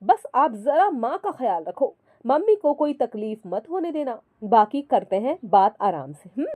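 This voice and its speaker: A woman voicing a selfish, sweet-talking sister-in-law who speaks in a high, drawn-out, coaxing way. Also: big pitch swings, dark tone.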